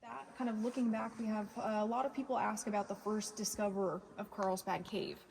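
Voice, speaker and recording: A woman's voice: medium pitch, steady tone, fairly quick, gravelly, a little mellow. Woman guide with cave echo. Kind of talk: casual joking tour talk. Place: underground cave, indoors. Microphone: distant camera mic. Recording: echoey cave from far off, faint hiss.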